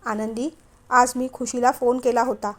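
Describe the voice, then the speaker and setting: A woman's voice: on the high side, flat delivery, normal speed, close to an everyday voice. A woman voicing a resentful young married man who feels his family favors his brother, speaking in an accusing, sulky way. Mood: subdued.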